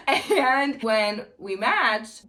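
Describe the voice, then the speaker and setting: A woman's voice: on the high side, lively intonation, extremely slow, pushed and bright. An American woman in her twenties hosting a casual chat, bubbly and playful with lots of giggling. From United States. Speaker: vlogger host.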